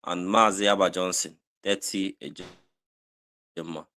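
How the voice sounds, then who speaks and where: Guy on a call, lowish voice, polite, reading out donors and amounts. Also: fairly even intonation, takes it slowly, sharp tone. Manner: polite, lists names and sums. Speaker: caller reporting donations. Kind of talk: formal report on a call.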